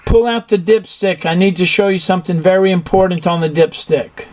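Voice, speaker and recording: A man's voice: sits high, brisk, darkish tone, a little hiss or hum. A man teaches like a hands-on instructor. He explains technical details step by step and puts questions to his learner as he goes. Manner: methodical, quizzes the learner. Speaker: instructor giving an engine room tour.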